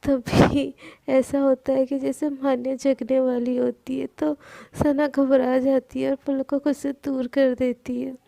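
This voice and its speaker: Female storyteller, hushed at times, mellow tone, even delivery. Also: sits high, unhurried, gravelly, no echo. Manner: soft, intimate, sometimes near-whispered. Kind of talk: storytelling narration.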